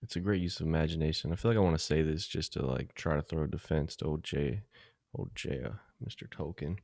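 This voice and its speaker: A young man with a very deep voice chatting on a podcast, recorded close and dry. His speech is loose and casual, peppered with "like" and "you know what I mean.". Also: quick pace, creaky, darkish tone, dry recording. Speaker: podcast co-host.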